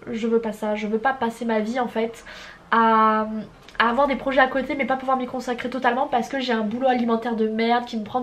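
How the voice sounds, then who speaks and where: A young woman in her twenties with a somewhat high voice and a stuffy nose. She talks in a loose, rambling vlog style, slangy and full of casual swearing. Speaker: writer vlogging her progress. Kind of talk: casual chat.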